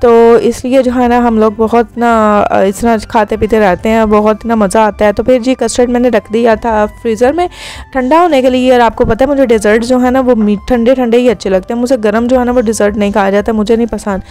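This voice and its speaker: A woman's voice: fairly high pitch, fairly even intonation, a little mellow. A young woman, a vlogger narrating her day in a casual, chatty voice-over full of filler phrases. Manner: chatty, many filler phrases, talks fast.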